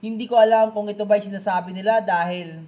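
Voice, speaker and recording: A man's voice: high-pitched, steady tone, quick pace, warm tone. A man hosting a vlog, reading comments aloud and reacting with chatty, dramatic exclamations, peppering his lines with a nickname for his fans. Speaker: boxing news vlogger.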